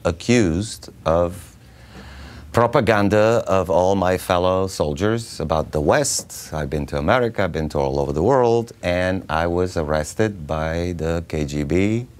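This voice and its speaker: A man's voice: sits low, measured pace. A middle-aged man with a Bulgarian accent, telling his life story in an interview, joking and laughing often, recorded on a lapel mic in a small studio. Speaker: guest actor. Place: small studio with dark curtain.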